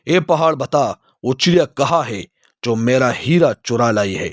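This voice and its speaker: A man voicing a greedy, hot-tempered king who shouts commands in a storybook tale. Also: medium pitch, expressive, no room sound, clean studio sound, lightly acted. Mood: haughty. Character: greedy, furious male king barking orders.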